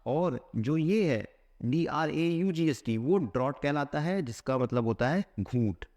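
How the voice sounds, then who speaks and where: A man teaching vocabulary for competitive exams. He asks a question, answers it himself, and reads English phrases slowly, word by word. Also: on the high side, animated, darkish tone. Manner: asks a question, then answers it with a repeated keyword. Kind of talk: explaining a vocabulary lesson.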